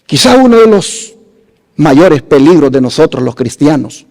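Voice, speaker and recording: A man preaching a sermon as pastor, slow and dramatic, rising to loud emphasis and dropping to hushed phrases. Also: a little high, big pitch swings, in a large hall.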